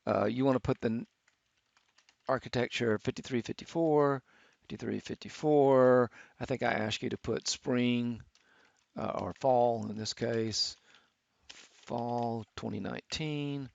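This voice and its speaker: A middle-aged man teaching architecture students, talking through a software tutorial with many fillers and restarts. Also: mid-range voice, steady tone, a little slow, gravelly. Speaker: architecture instructor. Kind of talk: screen-recorded software tutorial. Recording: dull, lo-fi screen capture.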